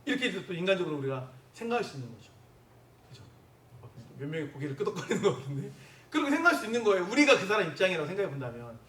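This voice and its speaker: Lively high-voiced pastor preaching in echoey church. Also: male voice, rapid-fire. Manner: conversational preaching with rhetorical questions to the congregation. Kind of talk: sermon. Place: church sanctuary. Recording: echoey church hall from a distance.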